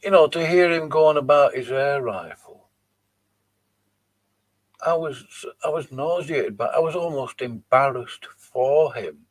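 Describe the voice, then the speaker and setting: A man's voice: on the high side, unhurried. A man hosting his channel, mocking and dismissive as he comments on video clips he plays. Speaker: channel host reacting to videos. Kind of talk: live commentary on played clips.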